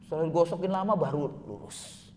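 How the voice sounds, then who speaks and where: A man's voice: on the high side, brisk, darkish tone, big-room sound, slight background noise. A man giving a religious lecture, telling vivid stories and constantly addressing his listeners as sir. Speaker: religious teacher.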